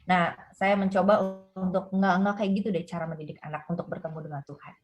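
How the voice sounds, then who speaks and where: A woman's voice: on the low side, fairly even intonation, a little fast, faint music behind. A woman, a parenting book author, explains her ideas in an interview and keeps tagging her sentences with "gitu ya". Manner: explains with frequent "gitu ya" tags and quoted examples.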